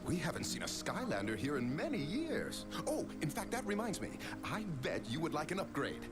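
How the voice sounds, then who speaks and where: An actor voicing a kindly, excitable, folksy village helper in a cartoon video game. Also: male voice, a little high, moderate pace. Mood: delighted, helpful. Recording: loud game music behind the voice. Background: loud game music.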